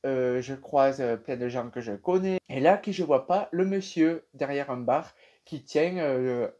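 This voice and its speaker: A young man with a French accent casually telling viewers about a dream, animated and chatty with many fillers. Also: medium pitch, unhurried, muffled recording. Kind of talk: casual storytelling to camera.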